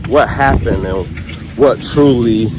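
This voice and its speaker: A man's voice: mid-range voice, slow. An American man from Detroit talking casually and colloquially while walking outdoors, vlogging in a laid-back way. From Detroit, United States. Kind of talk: casual walking vlog talk. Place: outdoors in a residential neighborhood. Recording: loud outdoor noise, passing vehicles, mower. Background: traffic and lawnmower noise.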